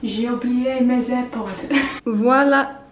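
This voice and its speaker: A young woman from England chatting casually in a vlog, speaking slowly and carefully and laughing often. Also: a little high, fairly even intonation, roomy sound. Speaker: vlogger. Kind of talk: casual vlog, learning French. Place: indoors at home, study.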